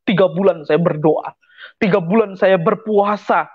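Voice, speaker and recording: A man's voice: sits high, unhurried, slightly rough, dry recording, dull audio. A man telling his personal faith testimony in an earnest storytelling manner, acting out the things people said to him.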